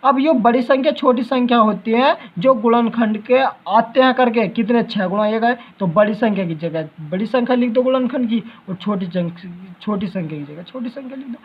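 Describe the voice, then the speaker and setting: A man's voice: very high voice, moderate pace, hardly any pauses, muffled recording. A math teacher, giving a lecture in which he keeps asking his students questions and answering them himself. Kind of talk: classroom-style lecture.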